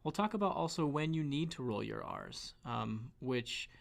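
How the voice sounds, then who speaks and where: A man's voice: medium pitch, animated, normal speed, creaky. A man with a Western American accent, teaching a pronunciation lesson with many fillers and restarts. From western United States. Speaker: Spanish teacher.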